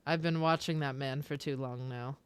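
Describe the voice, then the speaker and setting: Her voice is very deep, clear, and resonant, with fairly even intonation at a normal speed. She's a young Canadian, accent tinged with some British-sounding words, gaming on stream and casually chatting with viewers in a rambling, self-interrupting style full of laughter.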